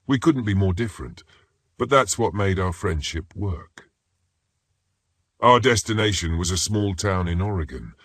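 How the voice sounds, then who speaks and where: A man reading first-person horror stories as a scripted narration, in a steady, ominous manner. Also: low voice, slightly rough, dry recording, studio quality.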